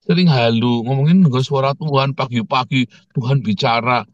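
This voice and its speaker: A man preaching a conversational sermon as a pastor, speaking with a tinge, animated and joking and often calling out to his listeners. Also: medium pitch, normal speed, no echo, lo-fi sound. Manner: animated storyteller, jokes and laughs, keeps addressing listeners as brethren.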